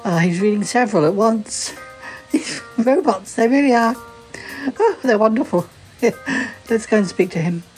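A woman's voice: on the high side, lively intonation, a little slow, darkish tone, poor audio. A woman playing a theatrical, effusive presenter who laughs often and calls everyone darling, with faint music behind. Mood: gushing.

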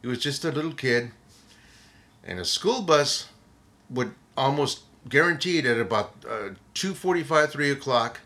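Bright-voiced older man telling cop stories. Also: medium pitch. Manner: animated, repeats words while telling a story. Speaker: retired police officer, guest. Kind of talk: casual storytelling.

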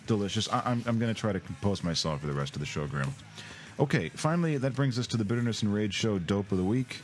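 A man hosts a comedic podcast rant, sarcastic and theatrical, putting on mock emotion. His voice sits on the lower side. Faint music plays underneath. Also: lively intonation, quick pace. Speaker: podcast host.

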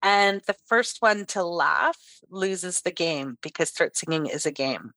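A middle-aged woman from Canada, a throat singer chatting as a guest in an interview, lively and quick to laugh. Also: lowish voice, no room sound. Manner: lively storyteller, laughs often. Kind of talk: casual interview chat.

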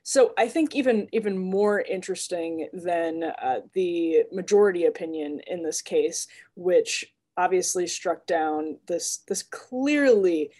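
A woman's voice: lowish voice, measured pace, few pauses, dark tone. A woman co-hosting a political podcast, talking through a topic in a casual, thoughtful way and often restarting her phrases. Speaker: podcast co-host. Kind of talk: casual panel talk.

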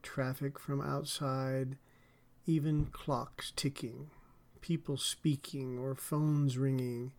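A man leading a guided relaxation as a podcast host, soothing and deliberate in his measured phrasing. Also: medium pitch, flat delivery, a little mellow.

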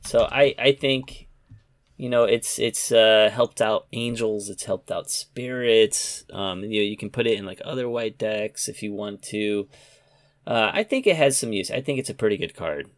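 A man's voice: fairly low pitch, moderate pace, dry recording. A man co-hosting a casual podcast chat, hesitant and thinking aloud as he goes. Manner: hesitant, lots of ums and trailing off. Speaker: podcast co-host.

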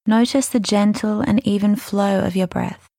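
A woman leading a guided mindfulness meditation, speaking softly and soothingly, unhurried and gentle, with breathy phrase endings. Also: medium pitch, steady tone, no room sound. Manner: soothing, unhurried, gentle instruction with long pauses.

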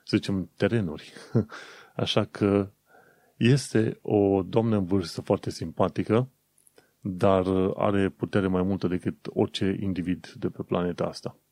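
Low, dark-voiced chatty man. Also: fairly even intonation, dry recording. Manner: chatty, thinking aloud with many fillers and self-corrections. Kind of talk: casual commentary.

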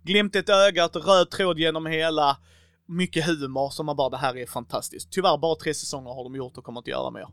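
Excited guy gushing about shows, slightly high voice, dry close mic. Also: clean tone, dry recording. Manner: enthusiastic, animated, quotes himself and others in little acted bits. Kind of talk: casual chat about TV series.

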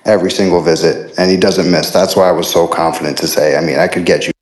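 A man calling in as an anonymous source with his voice run through a deep disguise filter, telling his account in a steady, matter-of-fact way over an online call. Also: fast talker, roomy sound. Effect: voice disguise filter making the voice deep. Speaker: caller, anonymous insider source. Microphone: online audio call.

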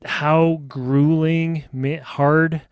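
A man's voice: on the high side, flat delivery, very slow, clean tone, dry recording, dull audio. Man from rural Nebraska, middle-aged, easygoing, laughs often, casual co-host, dry sound. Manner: easygoing, laughs a lot, repeats words. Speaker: podcast co-host. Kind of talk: casual chat.

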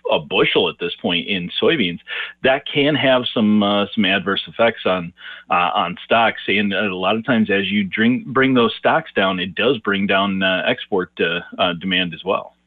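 A man's voice: on the low side, moderate pace, no room sound. A man speaking as a market analyst over a phone line, answering interview questions in a hesitant way with many fillers and restarts. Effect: heard over a phone line. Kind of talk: casual radio interview answers. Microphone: telephone. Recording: tinny dry phone line.

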